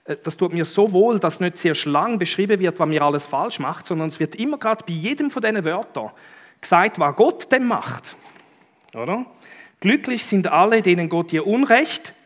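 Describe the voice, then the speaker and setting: A middle-aged pastor with a Swiss German accent preaches with a lively, conversational delivery. His voice sits fairly high for a man and swoops up and down constantly. He drives his points home with quick emphatic interjections. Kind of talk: sermon.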